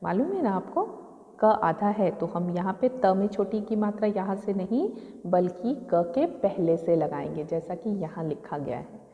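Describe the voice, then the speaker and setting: Woman teacher going slow over spellings for kids, says every word twice, dull sound with a long echo. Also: medium pitch, animated. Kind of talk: Hindi grammar lesson for young pupils. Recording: muffled, with a long reverb.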